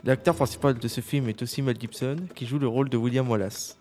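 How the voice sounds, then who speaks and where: A man with a mid-pitched voice presents a film as a reviewer on a discussion show. He speaks partly from prepared notes and partly casually, with light music behind him. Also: fairly even intonation, fairly quick, darkish tone.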